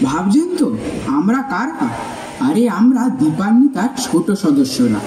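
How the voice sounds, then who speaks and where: A woman with a very mellow voice gives a chatty scripted stage introduction. Her pitch moves a lot, and she is heard at a distance in an echoey space. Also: big pitch swings, normal speed. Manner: chatty, addressing the audience with questions. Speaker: presenter introducing a play. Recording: echoey hall, distant mic, faint noise.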